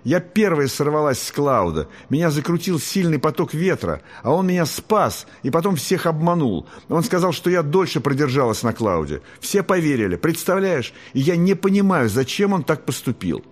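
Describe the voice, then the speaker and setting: A man putting on an excited young girl's voice. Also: fairly high pitch, normal speed, hardly any pauses, pitched above the performer's own voice. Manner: excited and protesting. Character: young girl angel, lively and rebellious.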